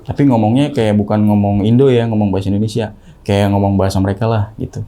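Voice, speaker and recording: A young man telling a ghost story in casual talk, acting out the quoted voices in a higher pitch. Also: quick pace. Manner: animated, acts out the quoted voices with rising pitch. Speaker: guest storyteller.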